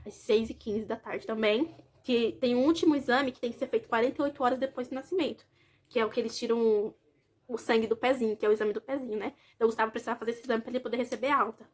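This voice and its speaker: Young woman, from Brazil, vlogger, chatty storytelling, fairly high voice, rapid pace. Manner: chatty, speaks straight to viewers. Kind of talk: casual personal story to camera.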